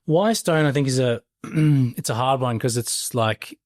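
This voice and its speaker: Man, mid-pitched, chatty tradie guest who rambles and swears; dry booth sound. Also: measured pace, no room sound. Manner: rambling, heavy on fillers and swearing. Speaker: podcast guest, stonemason. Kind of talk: casual conversation.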